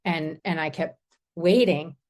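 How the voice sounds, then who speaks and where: A woman with a slightly low voice shares her faith story in a group. She talks earnestly and haltingly and often breaks into laughter. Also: a little mellow. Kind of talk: personal testimony in group discussion.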